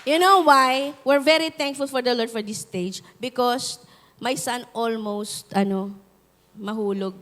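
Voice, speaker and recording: Filipino woman pastor, lively call-and-response sermon, high pitch, long church-hall reverb. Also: unhurried. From Philippines. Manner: mixes Tagalog and English, animated storytelling with call-and-response.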